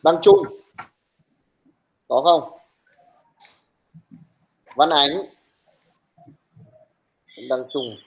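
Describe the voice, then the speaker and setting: A young man with a slightly high voice for a man runs an online class, taking attendance at a brisk pace. He teases his students and scolds them bluntly as he calls the roll, and the audio quality is poor.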